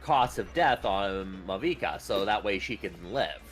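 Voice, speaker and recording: A man from Canada taking part in a casual voice chat, with a voice a little lower than most men's. He explains things point by point, setting others straight. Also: expressive, measured pace, faint music behind. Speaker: guest on voice chat.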